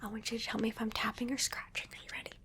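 A woman whispering a playful ASMR role-play, coaxing the listener with gentle repeated instructions. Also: fairly high pitch, level tone, very fast. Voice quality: soft whisper. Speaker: ASMR creator.

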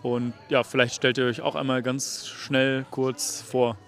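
A man conducts casual interviews outdoors at a summer party. He talks in a relaxed, loose way, full of fillers. Faint music drifts in the background. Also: medium pitch, unhurried. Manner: relaxed, filler-heavy questioning.

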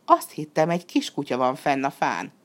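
A sour, conniving tomcat, as a woman reads him aloud in a storybook, growling and huffing his lines. His voice lurches around, snapping up into sharp outbursts. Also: sits low, very animated. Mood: grumbling. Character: grumpy striped tomcat feigning blindness. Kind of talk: storybook reading.

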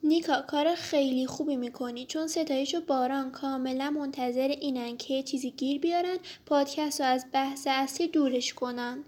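Woman co-host, high voice, casual and informative. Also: fairly even intonation, few pauses, a little mellow. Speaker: podcast co-host. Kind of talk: casual chat.

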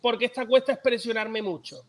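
A man's voice: very high voice, a little fast. A man on a football debate panel who keeps jumping in with counterpoints, playful in tone. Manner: jumps in and interrupts, playful.

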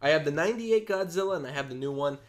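A man's voice: a little high, expressive, quick pace. A man co-hosting a podcast, chatting casually and rambling with enthusiasm, laughing often. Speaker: podcast co-host. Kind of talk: casual chat.

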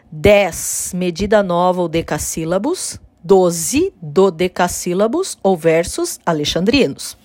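A woman's voice: fairly low pitch, no echo. Woman teaching poetic meter, dry sound. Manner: clear didactic explaining, slows to sound out syllables. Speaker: literature teacher. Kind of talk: online lesson on poetic meter.

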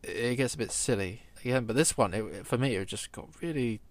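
A man co-hosting a casual film chat, opinionated and animated, stumbling over his words. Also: medium pitch, brisk, no echo. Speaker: film podcast co-host.

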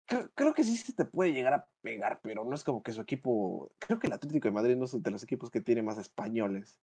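Man, young adult, Mexican accent, mellow dark tone, slangy rambling podcast chat. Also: mid-range voice, sing-song, quick pace, slightly rough. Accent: Mexican Spanish. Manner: slangy, rambling, many fillers and restarts. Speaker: podcast co-host. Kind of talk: casual chat.

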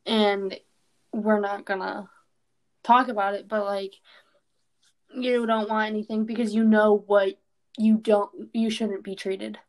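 A young woman co-hosting a casual chat podcast, speaking in a loose, halting way full of fillers. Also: mid-range voice, flat delivery. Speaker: podcast co-host.

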